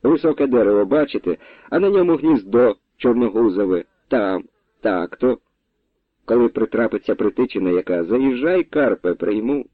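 A man's voice: mid-range voice, lively intonation, moderate pace, no room sound, lightly acted. A man voicing a bold, forthright young village woman in an audiobook, speaking in a direct, homely way. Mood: frank. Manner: direct, homely, plain-spoken. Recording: dry, tinny phone-like sound.

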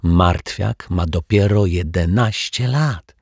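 A man voicing an excited, chatty young girl who talks in a hushed, eager voice. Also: deep voice, takes it slowly, husky, no room sound, studio quality, exaggerated voice. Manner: excited, whispering.

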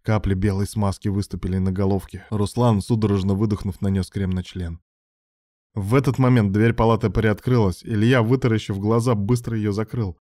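A man narrating a romance audiobook in an even, measured reading. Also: on the low side, dry recording, studio quality.

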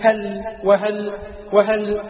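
A man's voice: high voice, completely flat delivery, slow pace. A man with an Egyptian accent preaching an impassioned Friday sermon in a mosque, chanting and repeating phrases. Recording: echoey hall, tinny lo-fi.

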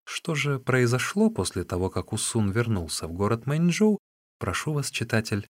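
A man narrating an audiobook of a classic novel in a measured storytelling manner. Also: medium pitch, big pitch swings.

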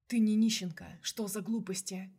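A steady grown man in an audiobook, speaking with an unshaken, almost eerie calm, as a woman reader voices him. The delivery stays low-key and firm. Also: moderate pace, husky. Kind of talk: audiobook character voice.

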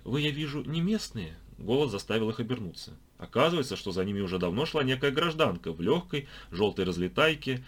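A man reading an audiobook aloud with animated, ironic storytelling. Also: on the low side, slightly rough. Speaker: audiobook reader. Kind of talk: expressive audiobook narration.

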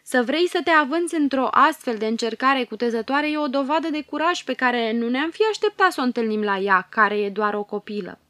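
A woman voicing a gentle, motherly doe fairy in a storybook reading, reasoning kindly. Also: sits high, lively intonation, few pauses, no room sound, pitched above the performer's own voice.

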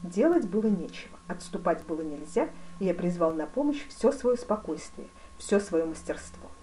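A woman narrates a classic adventure novel as an audiobook, measured and steady. Her pitch is expressive and varied, with faint noise in the background. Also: poor audio. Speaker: audiobook reader. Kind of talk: first-person literary narration.

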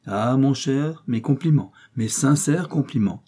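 A man voicing a shrewd, effusive French detective in an audiobook, speaking in an animated way. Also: mid-range voice, measured pace, husky, pitched above the performer's own voice. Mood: flattering. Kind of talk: audiobook character reading.

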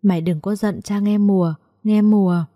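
A woman voicing a husky, tender old father. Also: mid-range voice, fairly even intonation, normal speed, dark tone, no room sound, clean studio sound, close to an everyday voice. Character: poor, gentle old father, loving and humble.

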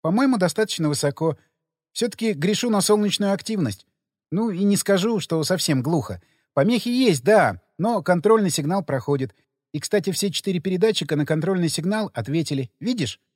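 A caustic young woman in an audiobook, as a male narrator puts her on, all curt retorts. Her voice sits high and swings up and down lively. The read is dry and close, with a long reverb tail on it. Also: brisk. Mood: brisk. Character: sharp-tongued young woman tech expert.

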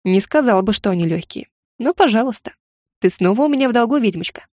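A woman reading an audiobook plays a calm young dragon knight who teases in a relaxed, mocking way. His voice sits a little lower than the narration, and the reading is dry and close. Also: quick pace, dry recording. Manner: easygoing, mildly mocking.

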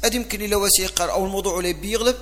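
High, forceful North African male preacher. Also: steady tone, very fast. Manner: mixes Arabic with local vernacular. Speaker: mosque preacher. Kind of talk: religious lesson. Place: large mosque hall. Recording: long hall reverb.

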